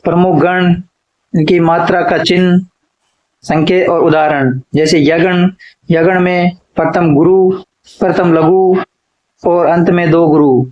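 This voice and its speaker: A man with a high voice lectures at an unhurried, deliberate pace, giving each rule twice as if dictating to students preparing for an exam. The recording is dull and lo-fi. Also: fairly even intonation. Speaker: Hindi literature teacher.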